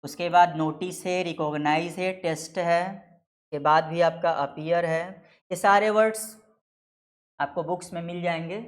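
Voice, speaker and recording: A man giving a grammar lesson, explaining slowly, repeating key words and reading out example sentences word by word. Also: a little high. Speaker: grammar teacher. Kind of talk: classroom lecture.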